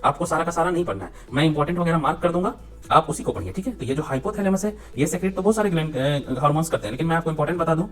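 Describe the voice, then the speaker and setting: A man's voice: fairly high pitch, animated, racing. A man teaching a biology lesson for exam students, mixing English terms into Hindi, repeating key points and checking in with the class. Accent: Hindi mixed with English terms. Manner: repeats points, ends phrases with frequent checks for understanding.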